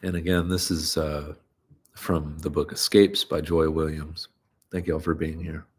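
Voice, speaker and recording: His very deep voice, unhurried and edged with breathiness, carries a bit of a stuffy, nasal quality. He reads stories on a live stream and chats loosely in between, relaxed and rambling with lots of fillers.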